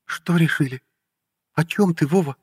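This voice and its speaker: A man's voice: on the high side, normal speed, husky, dry recording, studio quality, voice pushed up. A man reading a novel aloud, voicing a bitter, tearful ex-wife whose voice trembles with scorn. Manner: scornful, sharp, trembling with anger. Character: bitter tearful ex-wife, woman in her thirties.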